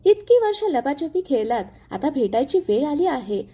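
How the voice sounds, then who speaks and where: A woman voicing an unseen male crime boss who speaks very slowly, quietly and chillingly. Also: sits high, very animated. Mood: chilling calm.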